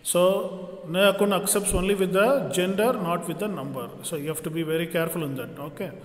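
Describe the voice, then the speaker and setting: High-pitched man teaching in echo. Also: brisk. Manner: instructional, explaining step by step. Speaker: French teacher. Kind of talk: classroom grammar lesson. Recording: echoey room with long reverb.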